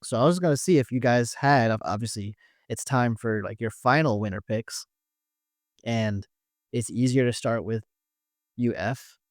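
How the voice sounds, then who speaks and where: A man's voice: medium pitch, moderate pace, no echo, clean studio sound. Man co-hosting a casual TV recap. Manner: leads the discussion, restarts phrases. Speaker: podcast co-host.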